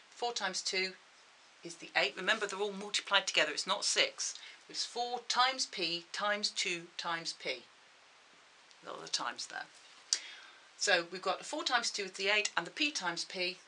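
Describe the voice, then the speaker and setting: A woman's voice: on the low side, sharp tone, slight background noise, rough recording. A woman giving a video maths lesson, explaining each step patiently and checking in with her viewers. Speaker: maths teacher.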